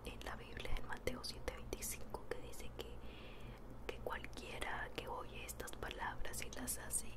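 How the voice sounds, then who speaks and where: Barely audible whispering woman, very soft. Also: mid-range voice. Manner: slow, hushed, explanatory. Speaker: ASMR Bible teacher. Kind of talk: soft ASMR Bible teaching in whispers.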